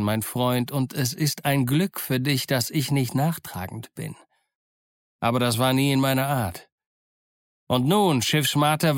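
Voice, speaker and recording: A man's voice: medium pitch, no echo, natural voice. A man voicing a scheming old pirate chief who blusters and mocks his crew, in a dry recording. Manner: blustering, mocking.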